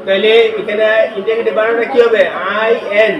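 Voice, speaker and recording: A man's voice: high voice, little pitch movement, fast talker, muffled recording, background noise. A male teacher leading a classroom lesson, questioning the class and spelling words letter by letter. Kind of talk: classroom lecture with call-and-response. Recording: echoey classroom from a distance.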